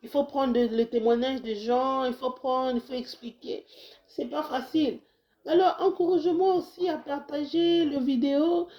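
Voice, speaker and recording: A high-pitched woman's voice comes through lo-fi audio as a Congolese health video host living in America talks casually to camera. Slightly hoarse from a cold, she restarts many times, uses Lingala phrases, and warmly urges her viewers to share her video.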